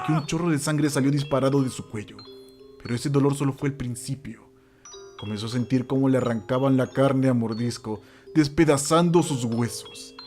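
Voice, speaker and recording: Music runs beneath this man's telling of a scripted horror tale, his mid-range, darkish voice building suspense theatrically and stopping for dramatic pauses. He is the narrator.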